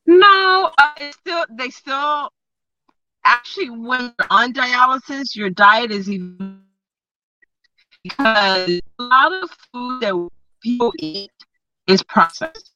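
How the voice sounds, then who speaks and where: A clinic guest speaking from inside a car over a video call that keeps freezing and breaking up, giving brief, halting replies. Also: mid-range voice, lively intonation, sharp tone, faint music behind. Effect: choppy video call audio that freezes and breaks up. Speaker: guest from a kidney care clinic. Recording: dull, lo-fi video call sound.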